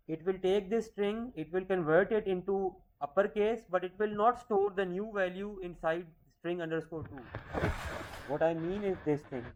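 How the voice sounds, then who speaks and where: A slightly high-voiced man in his thirties walks through a programming lesson one step at a time, often asking "okay?" to check understanding. The screen-recorded lecture sounds muffled, with background noise.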